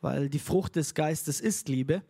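A man's voice: a little high, slow pace, creaky, warm tone, slightly rough. A man preaching a casual, upbeat sermon to a congregation, tossing in English phrases and leading call and response. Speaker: pastor. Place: church hall before a congregation.

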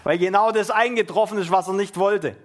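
A young man with a notably high voice talks through scripture in a loose, casual Bible study. He's slangy and keen, throwing in excited asides as he reads and explains the verses. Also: a little fast. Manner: slangy and enthusiastic, reads verses aloud with lively stresses.

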